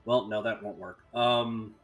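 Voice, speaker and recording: A man's voice: lowish voice, fairly even intonation, a little slow, a bit bright, soft background music. Casual man playing a tabletop game.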